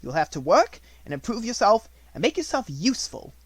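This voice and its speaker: Male narrator as harsh headmistress, cold, scolding, bossy, raised pitch, storybook villain, very dry sound. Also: very animated, brisk, husky, dry recording, full character voice. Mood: cold, stern. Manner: sharp, scolding, commanding. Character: harsh, domineering headmistress, sharp-tempered and cold.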